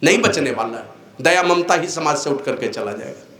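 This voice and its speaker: Older man, spiritual teacher, devotional sermon, raised exhortations, slow low asides, somewhat high voice, echoey hall. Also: lively intonation, fairly bright tone. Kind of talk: devotional discourse.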